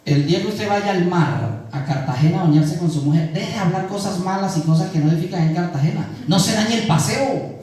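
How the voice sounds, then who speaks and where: With hardly a pause, a middle-aged man preaches fairly quickly as pastor, his voice high but darkish in tone. He has a Colombian Caribbean coast (costeño) accent and keeps his sermon earnest and colloquial, questioning the congregation. The church hall is very echoey, and the mic is far away.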